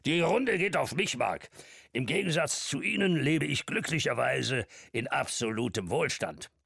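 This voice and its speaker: A man voicing a very old, portly man who is bursting with energy and talks in a jovial, booming way. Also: expressive, a little slow, creaky, breathy edge, dry recording, studio quality, full character voice. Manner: booming, jovial, shouting over noise.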